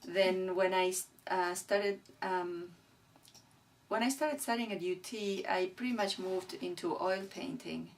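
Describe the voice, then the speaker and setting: A middle-aged Argentine woman, a native Spanish speaker, talks in a lower-pitched, thoughtful voice as an artist being interviewed about her own work. She reflects haltingly, searching for words, while standing indoors beside a displayed print. The distant mic picks up light background noise.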